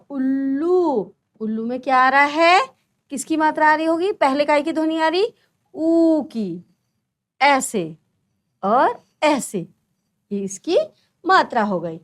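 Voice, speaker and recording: A woman teacher explaining a children's textbook lesson, patiently asking questions and answering them herself. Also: high voice. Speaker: primary school teacher.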